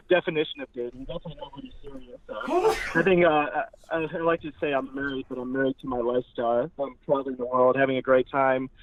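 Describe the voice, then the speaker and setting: A man's voice: mid-range voice, no echo. A man bragging about his lifestyle as a guest, heard over the phone. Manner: boastful, smooth self-promotion. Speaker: guest on a call-in show. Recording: narrow tinny phone line.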